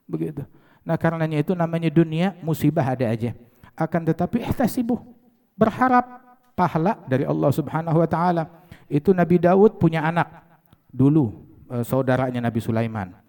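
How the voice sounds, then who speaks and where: A man preaching a sermon, telling stories in quoted dialogue, reciting Arabic verses and rising loud for emphasis. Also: on the high side, a little fast, long pauses, big-room sound.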